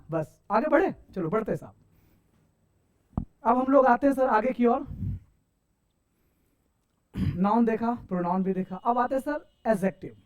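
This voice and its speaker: Over tinny audio, a man with a high, narrow voice runs an English grammar class, posing questions to the students and supplying the answers himself. He keeps addressing them as sir and saahab and draws out his English example sentences slowly.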